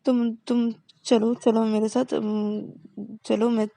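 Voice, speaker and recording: A woman's voice: fairly high pitch, little pitch movement, takes it slowly, gravelly, dark tone, no echo. A woman voicing a young woman who pleads and apologizes, stammering and repeating words. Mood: pleading.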